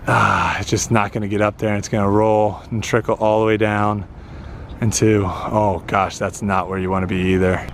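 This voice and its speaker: A man's voice: lowish voice, slight background noise. Chatty man narrating golf shots outdoors. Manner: chatty, explains shots to viewers. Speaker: golf vlog host. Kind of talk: casual on-course golf commentary.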